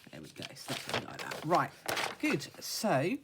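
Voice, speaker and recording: Woman, low-pitched, croaky and hoarse, casual craft tutorial, unhurried talk while working, slight background noise. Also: wildly swooping pitch. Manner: unhurried, talks along while working with her hands. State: hoarse, still getting over a croaky voice. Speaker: craft vlogger demonstrating techniques.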